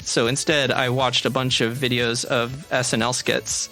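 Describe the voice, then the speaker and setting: A man's voice: medium pitch, little pitch movement, a little slow, sharp tone, soft background music. A man hosting a tabletop podcast, chatting casually and joking about himself. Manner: laughing, self-deprecating. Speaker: game master and podcast host. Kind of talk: casual chat.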